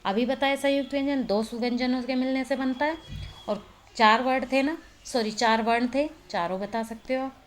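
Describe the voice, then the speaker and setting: A woman's voice: high voice, moderate pace, a little hiss or hum. A woman teacher giving a recorded grammar lesson, explaining step by step and answering her own questions as she goes. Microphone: phone voice recorder.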